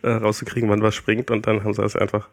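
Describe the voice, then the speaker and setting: A man's voice: fairly low pitch, monotone, quick pace, creaky. A man co-hosting a casual chat, rambling and joking at his own expense with many restarts. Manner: rambling, self-deprecating, lots of restarts. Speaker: podcast co-host.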